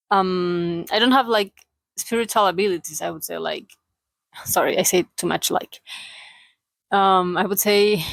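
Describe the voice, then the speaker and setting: Dry and unadorned, this recording catches the Chilean cartoonist-hopeful in a lowish, gravelly voice. Speaking accented English as a second language, she searches for words with hesitation, jokes at her own expense, and keeps the vlog loose and confessional.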